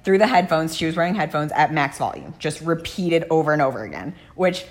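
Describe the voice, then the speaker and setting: A woman's voice: deep voice, animated, brisk. A woman hosting a true crime podcast, telling the case in a casual, blunt way with frequent swearing. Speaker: podcast host.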